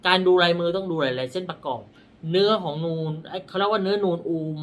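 A man's voice: high voice, fast, a bit bright, muffled recording. Blunt, rambling male palm reader. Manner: blunt, rambling, self-correcting, pointing at his palm. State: dry throat. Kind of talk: casual explanatory talk.

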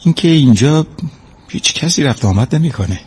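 A man's voice: mid-range voice, expressive, darkish tone, slightly rough. A man playing a tired, defensive husband in an audio drama, pleading and insisting it was a joke. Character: tired, defensive husband caught holding a knife. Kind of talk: amateur audio drama acting.

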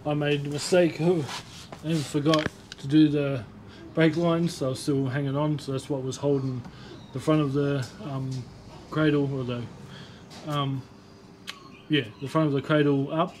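A man's voice: fairly high pitch, unhurried, slight background noise. A man talking casually to camera as he works on a car in a home garage, thinking aloud as he goes. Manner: relaxed, chatty, thinking aloud while working. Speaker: car restoration vlogger. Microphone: phone or action camera.

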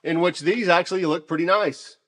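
A man casually reviewing shop tools off camera, talking in a chatty, relaxed way with many fillers and restarts. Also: sits high, fairly quick. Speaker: tool reviewer.

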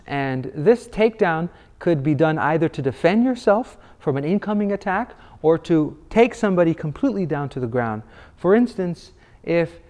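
A man's voice: on the high side, a little mellow. A young adult man giving an instructional martial arts demonstration as the teacher. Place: martial arts training hall, indoors.

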